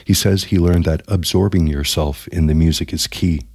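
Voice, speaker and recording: A man narrating a scripted news feature as the reporter, in a measured, even way. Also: sits low, breathy edge, no room sound.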